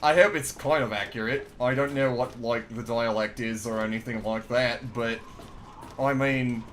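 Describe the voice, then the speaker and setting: A young man streams a game while chatting casually, rambling, swearing, laughing often, and reading chat out loud, playfully trying out a put-on accent. His mid-range voice has fairly even intonation, a moderate pace, and a fairly bright tone, with slight background noise.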